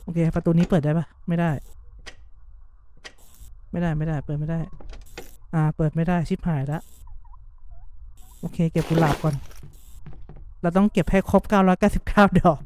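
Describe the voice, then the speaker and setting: Jumpy streamer man, mellow voice. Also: on the high side, fairly even intonation, moderate pace, long pauses, a little hiss or hum. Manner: jumpy, blurts repeated exclamations, asks viewers what they hear. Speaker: gaming streamer. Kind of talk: horror game let's-play commentary.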